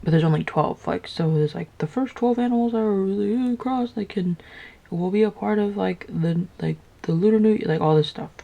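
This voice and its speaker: A young woman casually retelling a story while building Legos, rambling with lots of filler words and high, playful voices for the characters. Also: a little fast, vocal fry, muffled recording. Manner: rambling, filler-heavy, with "like" everywhere. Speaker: vlogger.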